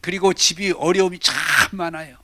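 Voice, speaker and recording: An older pastor delivers a sermon with a bright, ringing voice in a dry, close sound. He swings dramatically from loud declarations to hushed whispers. His pitch sits a little high for a man. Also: little pitch movement, brisk, no echo.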